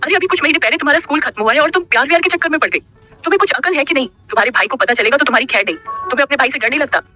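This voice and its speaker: A man's voice: high voice, rapid-fire, pushed and bright, faint music behind. A man voicing an angry young bodyguard who scolds harshly in an audio story.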